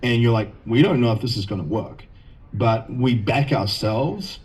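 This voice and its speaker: A man with a New Zealand accent, chatting on a podcast as a guest. His voice sits in a middle pitch, and his talk is relaxed and rambling, peppered with casual asides. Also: normal speed. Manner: easygoing, loose and chatty, full of "you know" and "man".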